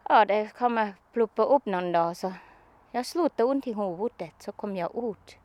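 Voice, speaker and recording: A woman tells her own story to an interviewer in an unhurried, personal way. Her sentences are simple and halting, full of restarts as she gropes for words. Her voice sits in an ordinary middle register for a woman. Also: medium pitch, animated, darkish tone, dry recording.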